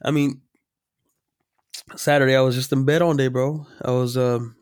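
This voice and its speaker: A man's voice: medium pitch, fairly even intonation, moderate pace, darkish tone, clear, resonant tone, no room sound, clean studio sound. Congested young man hosting a podcast. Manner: laid-back, joking, many fillers. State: congested from a cold. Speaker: podcast host. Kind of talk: casual podcast chat. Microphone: remote home recording.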